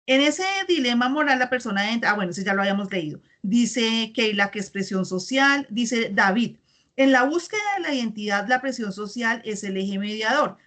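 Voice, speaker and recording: A woman teaches a class over a video call, her voice sitting a bit higher than most. She reads student comments aloud from the chat and keeps checking that everyone follows with quick tag questions. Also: a bit bright.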